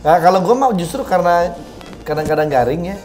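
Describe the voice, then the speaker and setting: Man, brisk pace, slightly high pitch, casual comedian talk, clear background music. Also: lively intonation, darkish tone. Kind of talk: casual chat.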